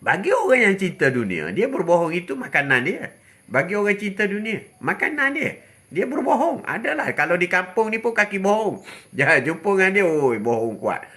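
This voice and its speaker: An older man with a Malaysian Malay accent, hosting a live religious talk. He preaches in a fiery, animated way, laughing often and dropping into sudden low asides. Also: normal speed.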